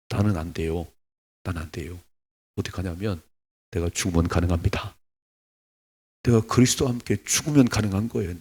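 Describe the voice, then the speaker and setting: A middle-aged male pastor preaching a sermon in a conversational style, with acted asides and rhetorical questions that climb in pitch. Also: gravelly, breathy edge.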